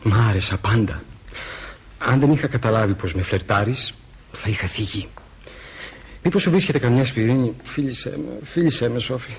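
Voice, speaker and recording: Drunk aging painter, husky, slurring, wheedling, radio drama. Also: male voice, medium pitch. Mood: maudlin drunk.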